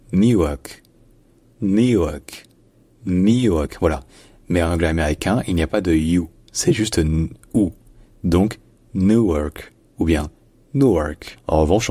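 Male teacher, very low and husky, patient explainer who drawls out example words. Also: a little mellow, no echo. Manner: patient, slows down to model words. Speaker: pronunciation teacher. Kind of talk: explanatory lesson.

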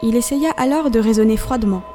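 A classic novel is read as an audiobook by a woman whose pitch is fairly high, delivered in an expressive, measured narrative voice atop background music.

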